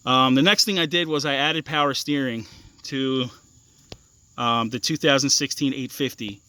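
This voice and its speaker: A young man walks through the parts on his off-road bike in a loose, stop-start way, full of ums and restarts. His voice is smooth and clear, and the sound is dry, with no room echo. He talks bluntly and swears casually. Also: medium pitch, steady tone, sharp tone. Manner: halting, many ums and restarts, blunt and profane. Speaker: ATV owner explaining his bike mods. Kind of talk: casual walkaround explanation.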